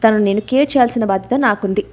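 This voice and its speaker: A woman's voice: mid-range voice, quick pace, a little mellow, natural voice. Woman reading as a pushy boastful young celebrity man. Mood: bossy.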